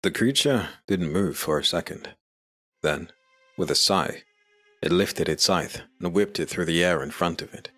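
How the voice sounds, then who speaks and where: A man narrating a dark fantasy audio drama with measured, even storytelling. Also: low-pitched. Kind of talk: scripted narration.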